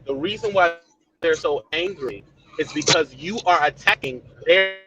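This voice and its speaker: A man's voice: on the high side, moderate pace, lo-fi sound. A man hosting a podcast over a remote call, talking passionately and often repeating words as he starts a point. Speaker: podcast host. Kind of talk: casual podcast discussion.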